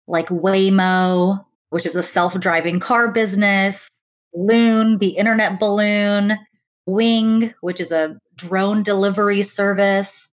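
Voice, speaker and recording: A woman from the United States speaking in an interview about her work leading diversity and inclusion, earnest and measured, often saying "really" and "kind of.". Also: fairly low pitch. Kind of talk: conversational interview.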